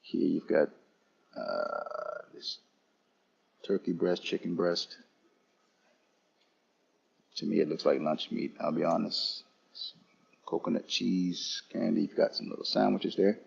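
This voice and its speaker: Male travel streamer, deep husky voice, casual unhurried tour of an airport lounge. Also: fairly even intonation, muffled recording. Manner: casual, unhurried, talking to chat viewers. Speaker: travel vlogger. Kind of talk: live-streamed lounge walkthrough.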